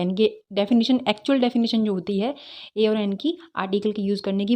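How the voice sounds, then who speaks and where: A woman's voice: medium pitch, a little mellow. Woman teaching English grammar. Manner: explains step by step with many rhetorical questions and repeated "theek hai". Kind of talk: explaining grammar lesson.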